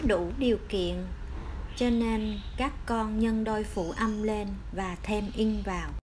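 A woman's voice: medium pitch, a little mellow, slight background noise. A woman with a Vietnamese accent teaching an English grammar lesson to children, patiently spelling out example words. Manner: calls herself teacher, addresses pupils as children, drawn-out example words.

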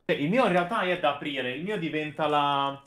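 A man's voice: fairly high pitch, moderate pace, fairly bright tone. A male Italian streamer chatting casually with friends, playful and talkative. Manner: chatty, playful, mock-pleading. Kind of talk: casual group chat on a live stream.

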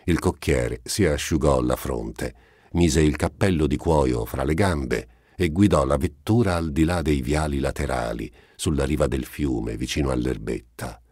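A man reading a classic novel aloud as an audiobook narrator, in a steady, measured way. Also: extremely low pitch, slightly rough, dry recording, clean studio sound.

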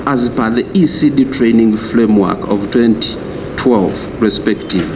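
Man at a committee desk mic, emphatic and halting, noisy room. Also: medium pitch. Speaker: association chairperson petitioning. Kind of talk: formal address to a committee. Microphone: desk microphone.

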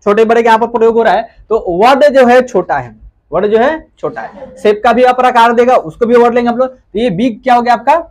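This is a classroom lecture by a male grammar teacher with a high voice. He asks rhetorical questions and supplies the answers himself, slowly repeating key words for emphasis.

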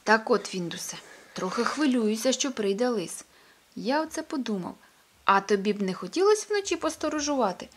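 A woman's voice: on the high side, expressive, normal speed. A woman reading a coaxing old farmer. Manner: fussy, coaxing, scolding at times. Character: kindly old farmer, grandfatherly and patient.

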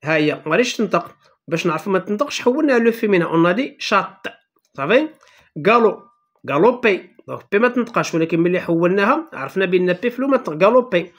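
A teacher with a Moroccan Arabic accent who explains a primary-school French lesson patiently and step by step, reading French words slowly and then explaining them at a quick clip. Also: medium pitch, expressive.

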